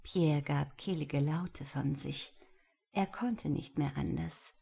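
A woman narrating an erotic audiobook in a breathy, half-whispered reading. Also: low-pitched, takes it slowly, mellow.

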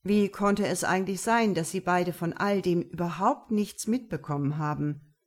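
A woman's voice: on the low side, normal speed, natural voice. A woman reading an audiobook, voicing a male police investigator in a formal, matter-of-fact way.

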